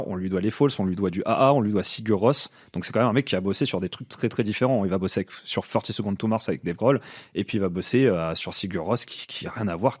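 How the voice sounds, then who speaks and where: A man with a somewhat low voice, talking casually on a podcast. He speaks with enthusiasm, often restarting his sentences and filling pauses as he goes. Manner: enthusiastic, frequent fillers and restarts. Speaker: podcast co-host. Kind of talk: casual music chat.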